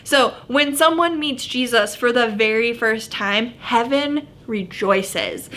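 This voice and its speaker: An upbeat woman youth pastor speaks in a fairly high voice. She teaches conversationally, with casual, youthful phrasing. Her delivery is earnest and encouraging, like a talk to a youth group. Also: fairly bright tone.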